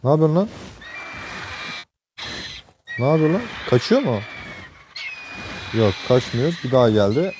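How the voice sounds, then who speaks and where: A young man from Turkey giving casual, excitable gameplay commentary, joking and swearing at the game from a desk mic at home. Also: medium pitch, normal speed, noisy background. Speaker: gameplay streamer.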